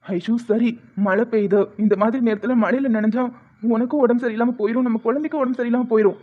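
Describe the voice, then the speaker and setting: A performer voicing a stubborn young husband set on revenge in a homemade cartoon, talking forcefully and insistently. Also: medium pitch, steady tone, fast talker, natural voice. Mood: pleading. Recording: dull lo-fi sound with faint music.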